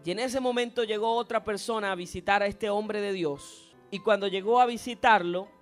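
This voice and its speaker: A man preaching a sermon, telling stories dramatically and building to loud, impassioned preaching. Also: high-pitched, normal speed, soft background music. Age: adult, past university. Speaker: pastor.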